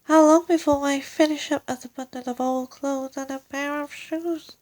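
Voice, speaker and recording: A woman's voice: sits high, steady tone, normal speed, a little mellow, voice pushed up, lightly acted. A woman voicing a panicky, gullible, melodramatic wife in a storybook, crying out urgent pleas. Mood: panicked.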